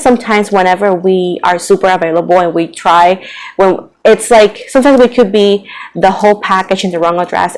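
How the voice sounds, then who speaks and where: A woman's voice: lowish voice, low-quality recording. A woman doing a casual tarot reading to camera, talking in a rambling, chatty way full of fillers. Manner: rambling and chatty, heavy on "like" and "you know". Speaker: tarot reader.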